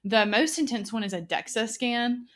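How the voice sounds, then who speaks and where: A woman's voice: a little high, animated, moderate pace, fairly bright tone. Woman, twenties, podcast host, casual chat, filler-heavy. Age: 20s. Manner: chatty, many fillers.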